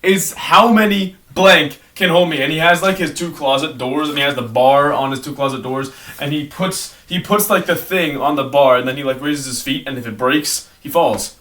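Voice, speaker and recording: A man's voice: medium pitch, normal speed, hardly any pauses, a bit bright. A young man rambling casually through a ranked list, often correcting himself and trailing off mid-sentence. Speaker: host ranking favorite creators. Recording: distant mic with clear background noise.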